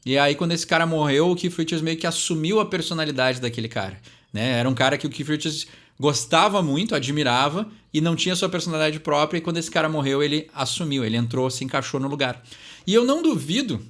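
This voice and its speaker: A man's voice: a little high, animated, fairly bright tone. A young man from Brazil with a Brazilian Portuguese accent, casually breaking down song lyrics as a channel host, tagging "né?" onto his sentences. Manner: chatty, fills pauses with "né?", reads English lines slowly.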